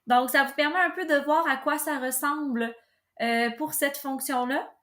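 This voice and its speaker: Higher-pitched woman giving a tutorial. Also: moderate pace, fairly bright tone. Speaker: tutorial presenter. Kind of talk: informal software tutorial narration.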